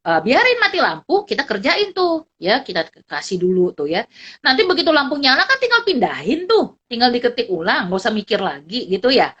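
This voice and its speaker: Lively middle-aged woman lecturer, somewhat high, chatty, teaching online. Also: fairly quick, husky, muffled recording. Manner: lively, chatty, ends phrases with tag questions. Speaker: psychology lecturer. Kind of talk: online class talk.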